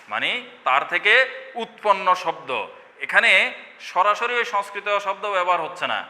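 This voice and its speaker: A man's voice: high voice, sharp tone, big-room sound. A middle-aged man teaching an online language class, explaining points and answering his own questions. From Bangladesh. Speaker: Bengali teacher.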